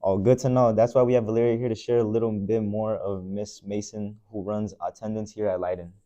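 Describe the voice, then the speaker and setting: A man's voice: on the low side, level tone, brisk, mellow, highs cut off. A teenage man anchoring a student newscast in laid-back, slangy scripted banter.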